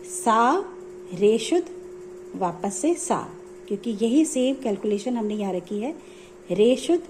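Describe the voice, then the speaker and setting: A woman's voice: mid-range voice, a little mellow, slight background noise. A woman music teacher explaining notes step by step in a patient, repetitive way. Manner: patient, explanatory, repeats points.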